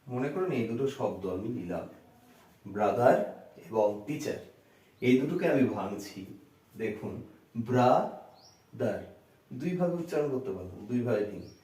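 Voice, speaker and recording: A man's voice: mid-range voice, lively intonation, dark tone. Man teaching grammar in an echoey room. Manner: slow, drawn-out, breaks words into syllables; asks the class questions and answers them himself. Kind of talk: classroom lecture. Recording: roomy echo, voice from a distance.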